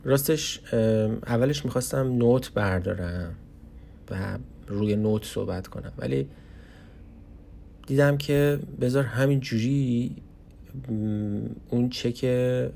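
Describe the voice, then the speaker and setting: A young man recording a personal podcast alone in a small office, talking unscripted, tired and hesitant with many pauses. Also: mid-range voice, gravelly, warm tone, slight background noise. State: tired from lack of sleep. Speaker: podcast host.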